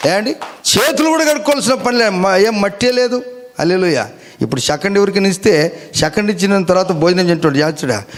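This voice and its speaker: A man's voice: sits high, expressive, fairly quick, slight background noise. A male pastor preaching a Sunday sermon, calling out for hallelujahs and firing questions at his listeners. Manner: calls out for hallelujahs and amens; fires rhetorical questions at the listeners.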